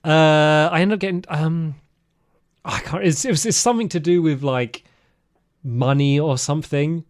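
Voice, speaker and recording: Guy rambling about a game he played, kinda high voice, dry close sound. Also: normal speed, no room sound. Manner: rambling, animated storytelling with fillers. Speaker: podcast co-host. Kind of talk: casual game discussion.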